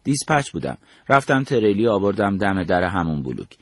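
A man's voice: low-pitched, sing-song, no room sound. An older man from Iran recounting his memories as a storyteller, acting out the dialogue he quotes. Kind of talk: spoken memoir narration.

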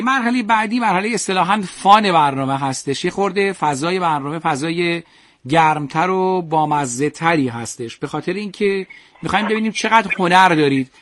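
A man's voice: high-pitched, a bit bright, no room sound, studio quality. A man hosting a radio quiz show, playful and teasing with the contestants.

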